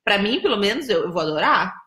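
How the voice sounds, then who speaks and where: A Brazilian Portuguese speaker hosts a laid-back live stream from her São Paulo home, teasing viewers and calling out their names. She talks fast and very animatedly, with a mid-range voice that sounds pushed and bright in an echoey room.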